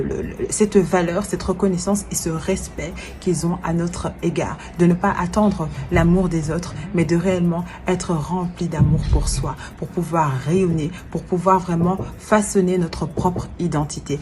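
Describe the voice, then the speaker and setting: Earnest low-voiced young woman. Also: fairly even intonation, normal speed, hardly any pauses, darkish tone, a little hiss or hum. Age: 20s. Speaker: life coach and event planner. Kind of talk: personal video message.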